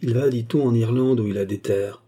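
A man voicing a loyal, stubborn old soldier turned servant in an audiobook, with a dark, husky voice. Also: mid-range voice, fairly quick, close to an everyday voice. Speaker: character in a read novel. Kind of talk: audiobook character reading.

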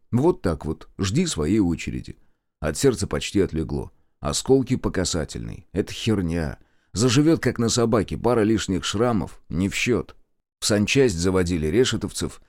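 A man narrating a war audiobook in expressive scripted storytelling. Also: fairly low pitch, moderate pace, dry recording, clean studio sound.

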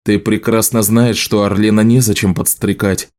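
Steady calm husband in a storybook, read by a guy, dark mellow voice. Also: fairly low pitch, moderate pace, lightly acted. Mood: firm. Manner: calm, firm. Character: firm, steady adult husband, a messenger.

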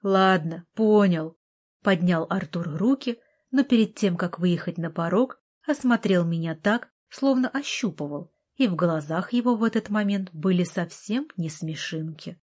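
A woman narrating a romance audiobook in the first person. Her voice sits low and husky, and she reads with clear expression. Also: normal speed, few pauses. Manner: expressive reading, voicing the heroine with passion.

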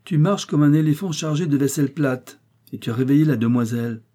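A man's voice: fairly high pitch, fairly quick, mellow, voice pushed up, natural voice. A man playing a bossy chatty old lady. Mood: scolding. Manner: scolding, exclamatory.

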